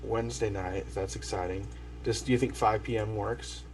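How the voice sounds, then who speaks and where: A man's voice: on the low side, steady tone, moderate pace, a little mellow. A man talking enthusiastically and loosely on a video call, with lots of fillers. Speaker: record label host. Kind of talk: casual video call chat. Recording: distant video call mic with faint noise.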